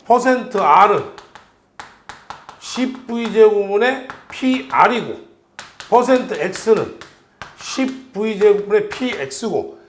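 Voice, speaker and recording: Animated male instructor in an echoey room. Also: sits high, takes it slowly, pauses often, slight background noise. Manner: animated, questions students constantly. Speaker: exam prep instructor. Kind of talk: lecture.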